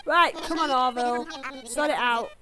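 A woman's voice: sits high, moderate pace. A young woman with a Yorkshire accent chatting casually over her gameplay, rambling with lots of fillers. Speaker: gaming YouTuber. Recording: music playing behind the voice.

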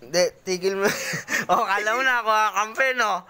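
Woman, casual vlog banter, teasing, swearing, pestering questions, mid-pitched voice. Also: a little fast, sharp tone, a little hiss or hum. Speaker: vlogger pranking friends.

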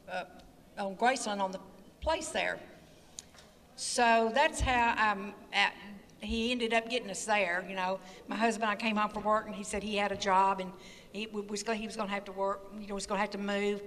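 An older woman, a guest in an interview, tells chatty, folksy stories and laughs along the way in a community building hall. Her voice is medium-pitched and fairly bright, with fairly even intonation at a normal speed. The hall is echoey and she is recorded from far off.

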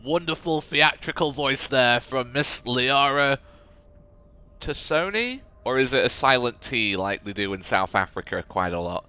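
Guy streamer chatting over his game, playful n rambly, really clear bright voice. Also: mid-range voice, normal speed, few pauses. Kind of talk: casual live playthrough commentary, answering chat.

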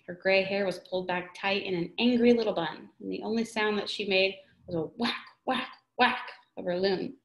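A woman's voice: medium pitch, fairly even intonation, moderate pace, vocal fry, roomy sound. A woman teacher reading a children's novel aloud, with small slips and restarts. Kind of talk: read-aloud storytelling.

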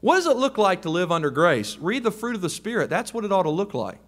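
High-voiced man preaching a sermon. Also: big pitch swings, fast. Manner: emphatic, rising to raised questions.

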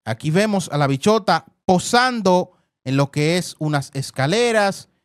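A man's voice: high-pitched, expressive, a little slow, clean tone, no echo, clean studio sound. A man hosting celebrity news, talking effusively over clips, repeating words and calling his viewers family. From Dominican Republic. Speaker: entertainment news host.

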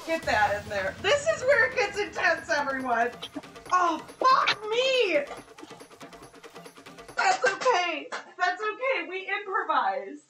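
Her voice is very high and very animated, though she speaks slowly, as this thirtysomething streamer cooks along with a friend in her home kitchen. She chats casually, cursing and laughing at the mess she's making, captured by a fixed camera across the kitchen with music and room echo behind.

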